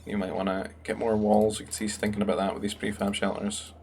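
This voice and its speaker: A man's voice: on the low side, little pitch movement, fast talker, a little mellow, slight background noise. A young man commentating a strategy game match in a casual, musing way, thinking aloud with fillers. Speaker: game caster.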